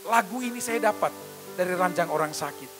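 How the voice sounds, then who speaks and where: A man preaching a testimony sermon as a pastor, addressing his listeners emphatically and breaking into a slow worship song. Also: high-pitched, over music. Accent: Indonesian.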